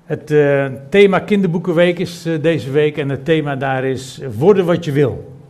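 A middle-aged man from the preaching a sermon in church and reading from the Bible. He goes from soft, measured talk to loud, emphatic preaching and repeats phrases for emphasis. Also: a little high. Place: church service, also streamed to people at home.

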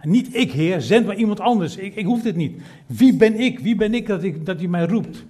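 A man's voice: high voice, expressive, normal speed, warm tone, pitched above the performer's own voice. A man voicing a fearful, insecure biblical prophet who pleads and stammers in a strained, raised voice. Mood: pleading.

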